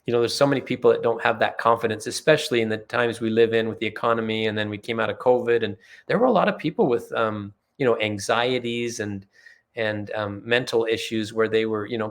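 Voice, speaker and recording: A man's voice: on the low side, vocal fry. A man from Utah, a podcast guest, telling earnest, rambling family anecdotes in a casual chat, acting out quotes as he goes. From Utah, USA. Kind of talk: casual storytelling in conversation.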